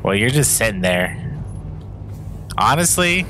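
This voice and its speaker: A man's voice: fairly low pitch, sing-song, measured pace, pushed and bright, a little hiss or hum. A man joking and teasing his friends while they play a game together. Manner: teasing, joking, mock threats. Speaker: gamer. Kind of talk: casual gaming banter over voice chat.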